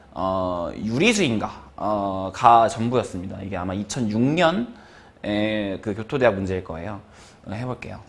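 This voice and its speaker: A man teaching math in a relaxed, rambling lecture, full of fillers and small chuckles. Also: mid-range voice. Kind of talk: casual lecture.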